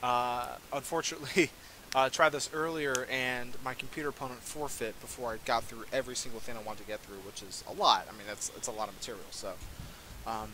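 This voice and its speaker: A man's voice: medium pitch, steady tone, a little fast, bright, forceful tone. Rambling young man over a hissy mic. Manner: rambling, self-deprecating, many fillers. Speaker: game tutorial presenter. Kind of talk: casual gameplay commentary.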